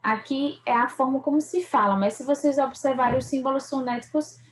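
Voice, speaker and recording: A woman's voice: fairly high pitch, poor audio. A woman teacher, patiently going over a school English review and checking in with her students. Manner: patient, repeats and checks with "certo?" and "ok?".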